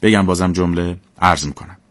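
A man's voice: deep voice, expressive, no room sound. A man narrating a moral story and addressing listeners politely and reflectively as host.

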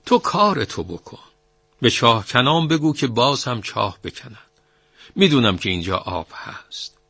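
Storybook landowner, stubborn and commanding, gravelly and husky, a man putting it on. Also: medium pitch, sing-song, fairly bright tone, no echo, studio quality, exaggerated voice. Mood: insistent. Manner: commanding, insistent. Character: stubborn, bossy male landowner master.

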